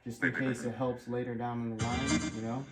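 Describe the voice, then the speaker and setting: A man hosting a spirit box session, asking short, earnest questions gently and pausing between them. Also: mid-range voice, flat delivery. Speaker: host, paranormal investigator. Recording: echoey room with music behind.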